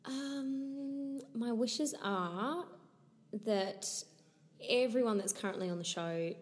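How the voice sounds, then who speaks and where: A woman's voice: fairly high pitch, slow pace, long reverb tail. A woman from northeast Scotland with a Scottish accent, chatting casually and giggling as a musical theatre performer being interviewed. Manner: chatty, giggly, says "to be honest" often.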